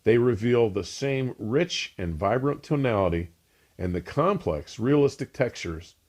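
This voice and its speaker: He takes his time, his medium-pitched voice expressive and a little mellow, as he hosts and narrates a scripted audio equipment review. The delivery stays polished, emphatic and full of enthusiasm.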